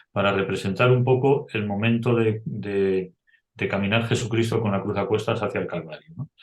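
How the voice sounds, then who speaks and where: A man's voice: lowish voice, echoey room. A middle-aged man teaching music, explaining step by step and humming short melodies as examples. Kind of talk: explanatory lecture.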